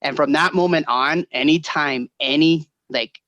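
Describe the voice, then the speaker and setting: A middle-aged man co-hosting a podcast, telling stories in a lively way, acting out the quoted voices and laughing often. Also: fairly high pitch, measured pace, dry recording, muffled recording. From Northern California. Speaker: podcast co-host. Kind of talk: casual storytelling chat.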